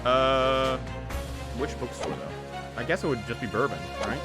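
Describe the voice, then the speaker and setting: Game player chatting over loud game music. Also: medium pitch, animated, normal speed. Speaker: video game player and reader. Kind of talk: let's play commentary, reading game dialogue aloud in character voices.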